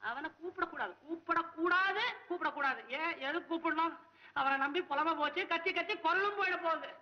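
An actor playing a poor, anxious male poet in a 1960s film, whining and frantic. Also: a little fast. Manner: frantic, whiny, jumps between high and low. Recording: dull old film soundtrack.

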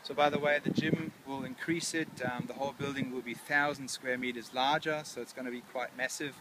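A man in his thirties with an Australian accent, a council project manager giving a relaxed walkthrough outdoors with many ums and restarts. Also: medium pitch, a little fast, very noisy. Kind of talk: casual on-site walkthrough. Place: outdoors at a construction site. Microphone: lapel mic.

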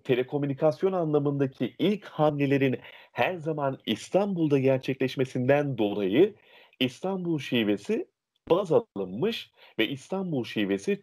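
A young man teaching diction answers interview questions with a voice that rises and falls in an animated way. He explains patiently and illustrates his points with examples of how people speak. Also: medium pitch, normal speed. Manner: lively, illustrative, imitates dialect speech. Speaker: diction instructor.

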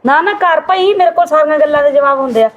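A woman's voice: high voice, fast, lo-fi sound. A woman playing a defensive, taunting sister-in-law in a Punjabi family drama skit.

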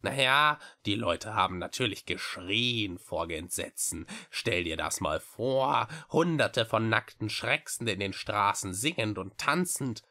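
A man voicing an old female witch-like creature in a storybook reading, slow, drawling and theatrical. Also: lowish voice, expressive, bright, forceful tone, exaggerated voice. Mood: chatty.

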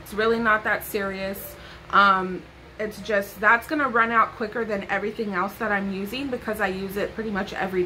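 A woman's voice: a little high, sharp tone, a little hiss or hum, low-quality recording. A young woman vlogging a casual haul to camera from her bedroom, sassy and chatty with playful asides.

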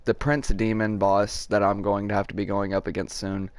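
A hoarse young man giving excitable, profanity-filled commentary while streaming a game live and chatting with viewers. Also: on the low side, normal speed, no echo. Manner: excitable, swears a lot, talks to chat. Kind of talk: casual live gameplay commentary.

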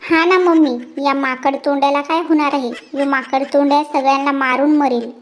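A performer voicing a sassy, fashionable young village girl in a cartoon, teasing, with a high pitch-shifted voice. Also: steady tone, fairly quick, a little hiss or hum.

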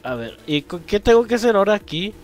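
Excitable young man commenting on a game. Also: high-pitched, quick pace, soft background music. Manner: excitable, swears loudly, laughs often at the game. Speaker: gameplay commentator. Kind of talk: let's play commentary.

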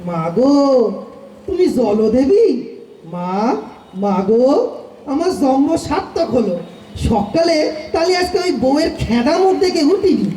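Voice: high voice, sing-song, unhurried, pauses often, dark tone. A performer voicing a fretful, henpecked poor woodcutter in a radio play, talking in a rustic way and lamenting often. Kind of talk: amateur radio play acting. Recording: echoey room with faint noise.

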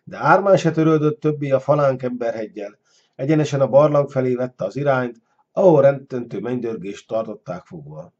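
A man's voice: medium pitch, darkish tone, lo-fi sound. Man reading a storybook aloud. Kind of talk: storybook narration.

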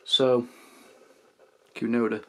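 A young man from England, speaking, rambles casually into his camera at home. He tells stories in a loose, chatty way with a mid-pitched voice. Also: flat delivery, slow pace, a little mellow. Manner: chatty, rambling, acts out drunk anecdotes in raised voices. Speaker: vlogger. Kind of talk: casual vlog rant. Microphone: camera mic.

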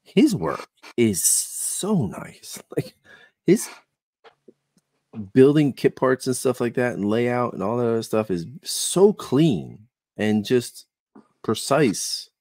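A man's voice: medium pitch, very animated, slow pace, darkish tone, no room sound. A man hosting a casual online hobby show, chatting with enthusiasm and frequent restarts. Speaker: podcast host. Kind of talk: casual chat.

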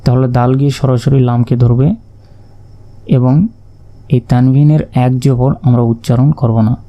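A man teaching Quran reading in a step-by-step lesson, slowly spelling out letters and vowel marks one by one. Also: mid-range voice, flat delivery, warm tone.

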